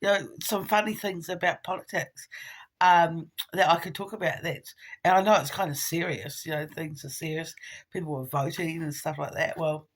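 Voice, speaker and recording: A woman, trying out informal stand-up comedy in a halting, giggly, conversational way. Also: sits low, steady tone, poor audio. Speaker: amateur comedian. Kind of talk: informal stand-up attempt for social media, casual rambling.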